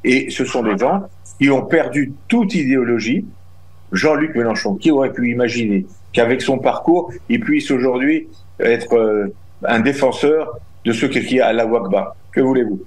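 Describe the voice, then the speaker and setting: Heard over slight background noise in a rough recording, a middle-aged man speaks at medium pitch and moderate pace, expressively. As a community representative being interviewed, he answers with emphatic indignation, often breaking off to restart.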